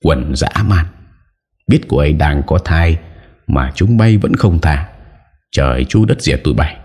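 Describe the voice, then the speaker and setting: A man voicing a young husband who interrogates forcefully in an audiobook. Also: extremely low pitch, a little slow, slightly rough, heavily acted. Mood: furious. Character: angry young husband, commanding and grief-stricken. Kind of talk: audiobook character voice.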